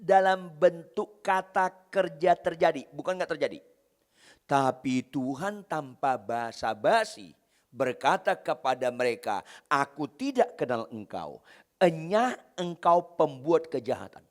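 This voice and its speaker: A man preaching a sermon as pastor, driving home points by repeating key phrases and swinging between loud and soft. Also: on the high side, big pitch swings, unhurried. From Indonesia.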